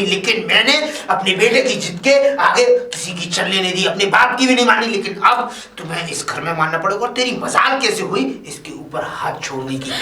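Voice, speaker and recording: A man's voice: high voice, bright, forceful tone, exaggerated voice. A man playing a stern, scolding patriarch. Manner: scolding, commanding. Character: stern patriarch father-in-law, commanding. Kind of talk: low-budget Hindi drama acting. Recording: echoey room.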